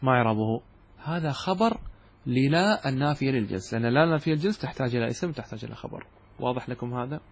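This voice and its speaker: A man's voice: medium pitch, lively intonation, racing, slightly rough. A man teaching grammar in a classroom lesson, explaining step by step and quizzing his students.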